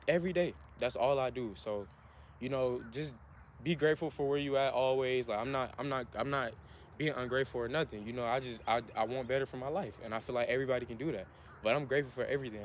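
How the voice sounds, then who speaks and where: There's a little hiss or hum under this twenty-something man's mid-range voice. Earnest and self-motivating, he talks through his ideas for a vlog, circling back to the same points repeatedly.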